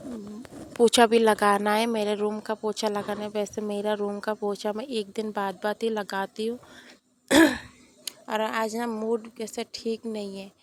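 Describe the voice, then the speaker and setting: A young woman vlogger casually narrating her daily chores in a voice-over, with a slightly hoarse throat and a sleepy, rambling, confiding way of talking. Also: medium pitch, slight background noise.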